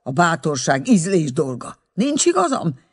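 A man's voice: on the high side, huge pitch swings, breathy edge, pitched above the performer's own voice, exaggerated voice. A man putting on a fussy, rambling old woman. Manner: chattering, losing her thread.

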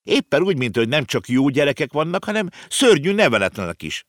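A man's voice: dry recording, studio quality. A man voicing an earnest, know-it-all little girl in an audiobook reading. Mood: explaining. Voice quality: high, lively, explaining.

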